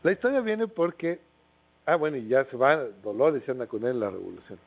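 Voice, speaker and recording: A man's voice: medium pitch, big pitch swings, fairly quick, vocal fry. A middle-aged Mexican man with a Mexican accent giving a lecture as a casual storyteller, with lots of fillers and tag questions. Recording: tinny phone-like lecture recording.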